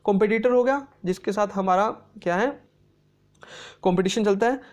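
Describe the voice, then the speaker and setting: A man with a high, slightly mellow voice gives an explanatory exam-prep lecture, weaving English terms into his teaching. He checks in often with "okay" and reads English definitions out slowly.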